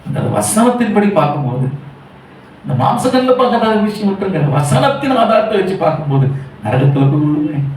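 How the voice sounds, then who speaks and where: A man's voice: high voice, very animated, a little fast, darkish tone, recorded from a distance. A male pastor preaching a Sunday sermon in Tamil with a Tamil Nadu accent, urging his listeners with repeated questions. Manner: repeats rhetorical questions, urgent and pleading. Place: church hall. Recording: echoey church hall from afar with faint hum.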